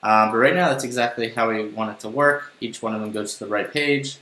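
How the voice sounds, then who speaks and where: Here the same kind of casual coding tutorial plays out, a young man thinking aloud while typing. He speaks fairly quickly in a fairly low, slightly bright voice. It's a roomy home recording carrying faint hiss.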